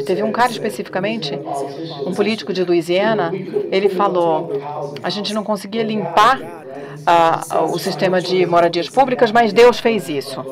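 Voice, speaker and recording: Measured woman giving an academic talk. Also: medium pitch. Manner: measured, pausing with fillers. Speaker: panel speaker.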